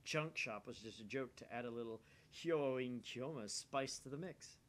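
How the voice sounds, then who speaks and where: For a visual novel, a man voices a grandiose, bossy young self-styled mad scientist, making pompous, theatrical declarations. His natural voice is fairly bright and moderately paced, with faint rumbling noise in the background.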